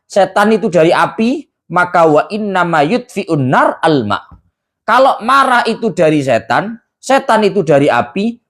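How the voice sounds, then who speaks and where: A man with an East Javanese accent giving a casual sermon, teaching with rhetorical questions and jokes, chanting Arabic quotations slowly before explaining them. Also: on the high side, fairly bright tone. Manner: folksy, addresses listeners directly with rhetorical questions and jokes. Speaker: preacher teaching a religious study circle.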